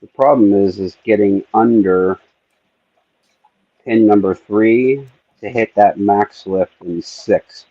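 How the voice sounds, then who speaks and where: A man's voice: fairly low pitch, slow, dark tone, no room sound. A man hosting a casual stream, muttering to himself as he works. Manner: mutters to himself while working. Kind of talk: casual chat while picking. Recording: dull lo-fi stream audio.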